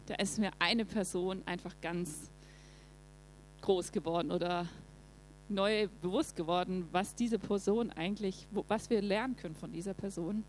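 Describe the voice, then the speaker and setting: A woman giving a lively Bible devotional talk, laughing often and acting out the quotes as she reads and retells. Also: medium pitch, normal speed, low-quality recording. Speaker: preacher. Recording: faint mains hum.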